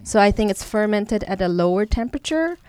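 A woman's voice: mid-range voice, lively intonation, a little fast, a little mellow, clear, resonant tone, dry recording. Chatty female podcast host, dry sound. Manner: hesitant, many fillers. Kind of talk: casual podcast chat.

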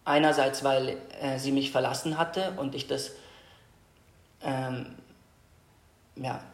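A young man from Austria, a guest in an interview, tells his personal story in a hesitant, reflective way with many pauses and restarts. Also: mid-range voice, steady tone. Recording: echoey room.

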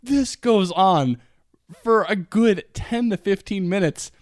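A man co-hosting a casual film review podcast, rambling and animated, with many fillers. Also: high-pitched, slow pace, no echo, studio quality. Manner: rambling, animated, many "like" fillers, puts on silly voices for quotes. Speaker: podcast co-host.

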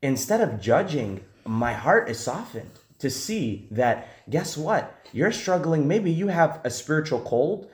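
A man's voice: on the high side, sing-song, measured pace, hardly any pauses, roomy sound. A man who is a priest, talking earnestly and reassuringly in a podcast discussion. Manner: earnest and reassuring, speaks with emphasis.

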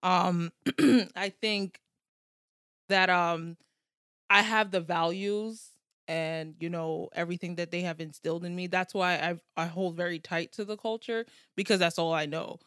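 A woman's voice: fairly low pitch, fairly even intonation, measured pace, fairly bright tone, no echo, clean studio sound. An American woman guest chatting thoughtfully on a podcast, searching for her words. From United States. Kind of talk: casual chat.

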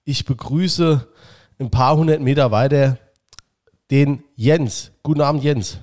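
A man's voice: mid-range voice, measured pace, darkish tone. A man hosting a casual fan podcast over a virtual call, chatting loosely with many fillers and restarts. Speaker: podcast host. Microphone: remote call setup.

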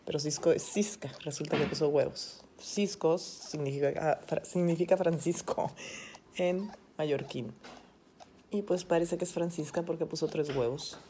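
A woman's voice: deep voice, normal speed, dark tone, slight background noise. A woman, chatting and exclaiming as she vlogs around a city. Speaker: vlogger. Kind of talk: casual travel vlog. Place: out and about in a city.

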